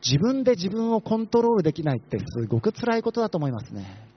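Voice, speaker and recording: Male pastor, quick-tongued and animated, high voice, dull lo-fi recording. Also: husky. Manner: fast-talking, asks the congregation questions. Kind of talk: sermon.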